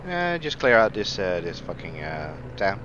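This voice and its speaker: A man leading a squad over gaming voice chat, giving brisk orders with plenty of fillers. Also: deep voice, big pitch swings, a bit bright, muffled recording, slight background noise. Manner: brisk, directive, many fillers. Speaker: squad leader in a military game.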